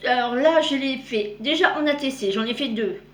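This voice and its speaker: A woman presenting cross-stitch in a show-and-tell vlog talks at a moderate pace in a high voice, drifting between topics and correcting herself mid-sentence. She greets viewers warmly as "girls." Expect a roomy echo with a little hiss or hum.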